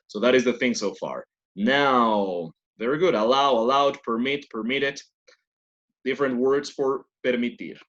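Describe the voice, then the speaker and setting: A man's voice: mid-range voice, takes it slowly, a bit bright, dull audio. A man from Latin America teaching an English class, explaining grammar step by step and often checking with tag questions. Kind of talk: online class lecture.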